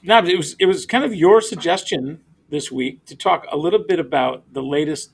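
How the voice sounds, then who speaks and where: A man's voice: on the high side, moderate pace, creaky, husky. A man hosting a casual beer podcast, rambling with stammered restarts and laughing often. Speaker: podcast host.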